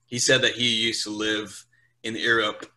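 The recording is rough, carrying a man's lowish, level voice with a sharp tone at a moderate pace. He's a Brazilian-born Portuguese speaker in his 20s who moved on to Portugal, England and Louisiana and became a US Marine sergeant. As a podcast guest he chats casually, swearing and often asking "right?"

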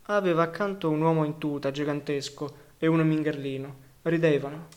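A male narrator reading a novel aloud in a calm, measured way. His voice sits fairly high for a man, and he keeps his delivery quiet and steady. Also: clean tone.

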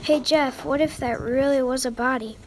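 A woman's voice: high-pitched, fairly even intonation, moderate pace, background noise, lightly acted. Woman reading an eager, playful young boy.

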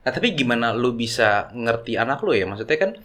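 A man hosts a relaxed podcast conversation in an everyday, mid-pitched voice. He asks questions in loose, slangy phrases and likes to tease his guest. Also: brisk. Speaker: podcast host. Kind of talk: casual chat interview.

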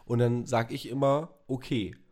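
Deadpan young man, casual podcast chat. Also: medium pitch, normal speed. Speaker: podcast co-host.

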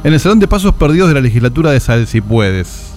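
A man with an Argentine accent playing a pompous, touchy coach and horoscope guru on comic radio, speaking with mock solemnity and halting when flustered. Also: medium pitch, very animated, darkish tone, soft background music. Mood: self-important. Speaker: comedian on a radio show.

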